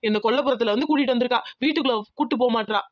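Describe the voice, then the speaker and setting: A woman's voice: on the high side, very fast, lo-fi sound, natural voice. A woman voicing a teasing, easygoing young village husband in a cartoon. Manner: teasing, joking.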